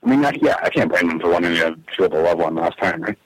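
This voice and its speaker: Deep, husky male co-host for laid-back sports analysis, agreeable, recorded in an attic. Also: fairly even intonation, fast talker, no echo, poor audio. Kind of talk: casual sports analysis chat. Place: attic of a house, recording in summer heat.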